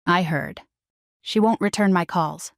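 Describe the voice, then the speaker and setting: A woman's voice: fairly low pitch, measured pace, dry recording, clean studio sound. A woman voicing an angry, exhausted middle-aged ex-husband in a scripted story reading, his lines accusing and defensive. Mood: bitter. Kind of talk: scripted narration.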